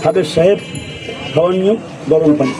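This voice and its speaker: A man's voice: fairly high pitch, brisk. A man hawking medicine like a street barker, rattling off lists and asking his own questions. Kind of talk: street sales pitch. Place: outdoors on a city footpath. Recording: noisy outdoor street with crowd, traffic. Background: street crowd and vehicle noise.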